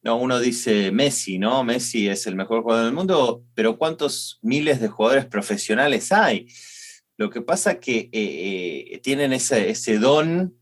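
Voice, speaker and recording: A man's voice: medium pitch, expressive, unhurried. A middle-aged man from Argentina with an Argentine Spanish accent, chatting casually as podcast co-host, rambling and repeating himself, with slangy speech. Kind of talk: casual chat.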